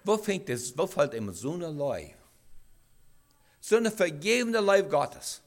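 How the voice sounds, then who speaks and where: A man preaching a sermon in a halting way, with restarts and rhetorical questions. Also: on the high side, sing-song.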